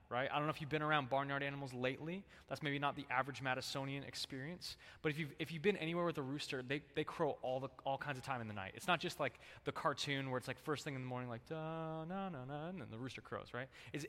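A man preaching a sermon in a casual, conversational way, acting out quotes with lively shifts of voice. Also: mid-range voice. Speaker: pastor. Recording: hall reverb.

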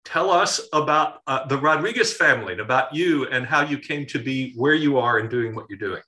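A male pastor hosts an interview program with a bright, sharp-edged voice at an average pitch. He speaks in a measured way, with frequent fillers as he sets up his questions. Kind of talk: interview hosting.

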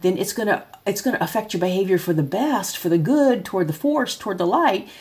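A woman's voice: mid-range voice, expressive, a little fast, a little mellow. A middle-aged woman, a parent, explaining things step by step in casual, thoughtful talk, often restarting her sentences. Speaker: parent of a child with developmental delay.

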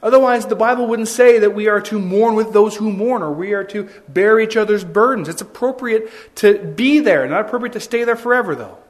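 Earnest high-voiced male preacher. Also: fairly quick, few pauses. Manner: conversational, earnest preaching with frequent restarts and asides. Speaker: pastor. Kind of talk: sermon.

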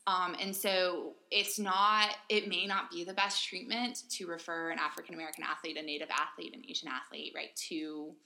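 A woman's voice: fairly low pitch, flat delivery, moderate pace, creaky, hardly any pauses, pushed and bright. A woman co-hosting a podcast, explaining points methodically and often checking in with "right?". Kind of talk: casual academic discussion.

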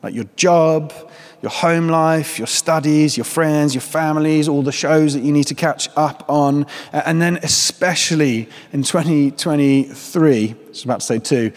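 A vicar giving a casual, joking sermon full of fillers and restarts. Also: male voice, on the high side, big-room sound. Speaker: Church of England vicar.

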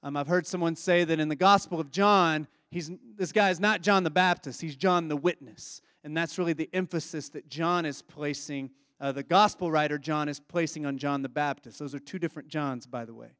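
A man's voice: a little high, brisk, hardly any pauses, fairly bright tone, dry recording, studio quality. A man preaching a reflective, conversational sermon.

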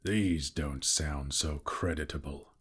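Cunning male dragon voiced by a man, very deep, husky, slow, drawn-out, mocking. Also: fairly even intonation, heavily acted. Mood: sneering.

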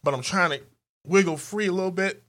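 A man cohosting a podcast, telling raunchy stories in a profane, animated way and acting out voices. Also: high-pitched, fairly quick. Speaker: podcast co-host. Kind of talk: raunchy comedic banter.

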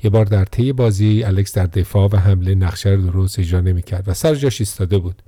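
Low, dark-voiced man narrating a story. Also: no room sound. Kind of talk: scripted narration of a sports biography.

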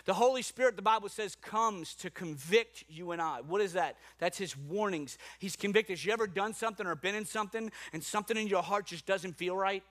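High bright-voiced male preacher. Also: fairly quick, hardly any pauses. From New Orleans, USA. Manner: passionate preaching with rhetorical questions and repetition. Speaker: pastor. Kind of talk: sermon.

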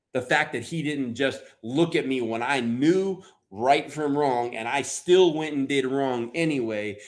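Dramatic pauses mark this booming, motivational sermon from an American man who preaches in an emphatic, conversational style.

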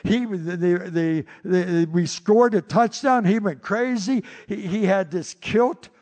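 A male pastor preaching a sermon, telling stories with animated delivery and frequent repeated words. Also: high-pitched, slow pace.

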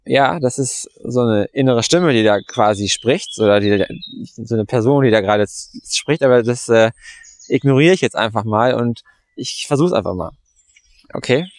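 A man's voice: medium pitch, animated, moderate pace, dry recording, studio quality. A man hosting a podcast as a meditation coach, telling a story casually and in slangy words, with lots of fillers and restarts. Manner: rambling, heavy on fillers and restarts; colloquial, slangy.

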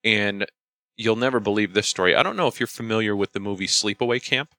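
A man co-hosts a podcast in relaxed conversational style, telling stories. His voice sits low but has a bright, forceful edge, captured very dry. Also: fast, dry recording. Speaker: podcast co-host. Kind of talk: casual chat, anecdotes.

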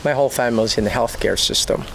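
A middle-aged man from the Philippines talking casually in a street interview outdoors, halting with many fillers. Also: mid-range voice, gravelly, fairly bright tone, a little hiss or hum. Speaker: interviewee passerby.

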